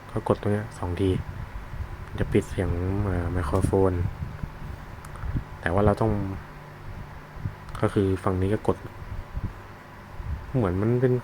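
A man with a fairly low, steady voice reviews and demonstrates a gadget, explaining it step by step in an informal, unscripted way. He often pauses to find his words. Clear background noise, including vehicle sounds, sits behind him.

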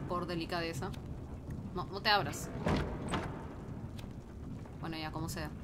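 A woman's voice: sits low, fairly even intonation, measured pace, heavy background noise. A woman doing casual, playful live commentary as a horror game streamer, talking to chat and to the game, exclaiming when startled.

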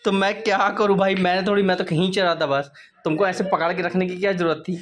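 A man's voice: high-pitched, flat delivery, brisk, fairly bright tone. A man teasing and bickering in casual family chat, recorded on a noisy phone at home. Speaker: vlogger.

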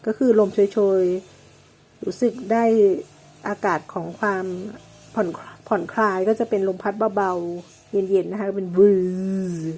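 A woman teaching English weather words, explaining each one slowly and patiently, with many polite particles. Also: medium pitch, steady tone, darkish tone, breathy edge. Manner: slow, drawn-out explanations with frequent polite particles. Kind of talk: English vocabulary lesson.

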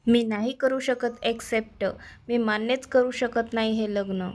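A woman's voice: fairly high pitch, steady tone, measured pace, close to an everyday voice. Woman reading as a bitter, defiant young bride. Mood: angry. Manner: reproachful, sharp questions.

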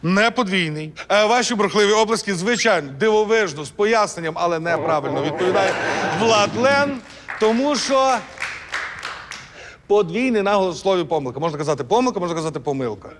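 High, animated male quiz host. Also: fairly quick. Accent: Ukrainian. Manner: jokey, theatrical, punning. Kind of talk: playful quiz hosting. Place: TV studio with audience. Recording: studio with long reverb and audience noise.

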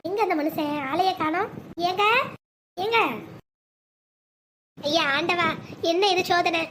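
A scheming middle-aged cartoon woman frets and mutters to herself, as a woman puts her on. The voice sits very high and runs quick, with a fretful, plotting edge. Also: a little hiss or hum. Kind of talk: animated family drama voicing.

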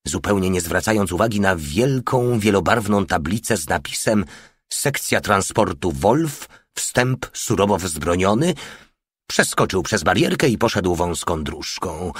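A man reading an audiobook in steady, wry scripted narration. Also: low voice, slightly rough, no echo, studio quality.

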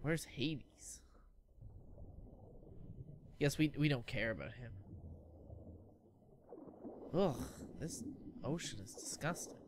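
Brief: young male let's-play host, slow and chatty, game noise underneath. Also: mid-range voice, lively intonation. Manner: chatty, reactive, keeps saying "oh man" and laughing. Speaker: gaming commentator. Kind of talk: casual let's-play commentary.

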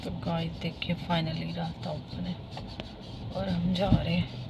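Woman vlogger, chatty, slight gravel in her voice, phone-mic sound over loud car noise. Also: on the low side, little pitch movement, a little slow. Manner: chatty, addresses viewers directly. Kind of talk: casual travel vlog narration. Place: in a car, then outdoors by a rainy marina. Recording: loud road and rain noise.

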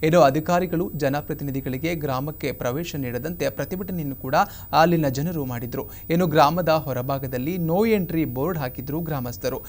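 A man with a Kannada accent reading a local news report as a steady, formal voice-over. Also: on the high side.

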